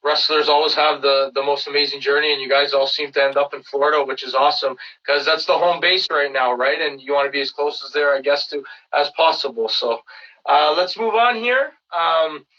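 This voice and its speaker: A man's voice: fairly high pitch, fairly quick, bright, forceful tone, far from the mic, lo-fi sound. A man from Canada hosting a casual remote podcast interview, friendly and rambling with lots of fillers. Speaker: podcast host.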